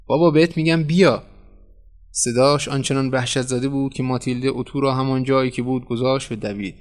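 A man's voice: mid-range voice, flat delivery. A man narrating a translated short story for an audio series. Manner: measured storytelling. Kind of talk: scripted narration.

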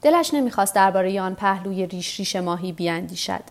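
A woman narrating a novel for a nightly story podcast in a calm, measured reading. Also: medium pitch, vocal fry. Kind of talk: scripted narration of a translated novel.

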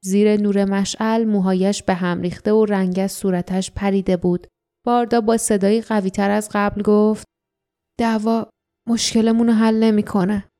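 A woman reads an audiobook in a calm, even manner. Her voice is warm and mellow, at a middle pitch for a woman. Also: clean tone. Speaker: audiobook narrator. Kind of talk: audiobook narration.

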